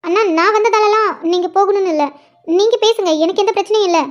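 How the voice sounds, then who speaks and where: A woman's voice: extremely high pitch, fairly even intonation, fast. A woman voicing a chatty, teasing young woman in a cartoon. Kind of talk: cartoon voice acting. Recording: dull lo-fi sound.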